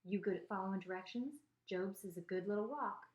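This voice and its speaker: A woman's voice: mid-range voice, fairly quick, darkish tone, natural voice. A woman voicing a feisty, doting old Southern grandmother in a story, folksy, bossy and affectionate, with a Southern US accent. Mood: sharp. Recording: echoey room.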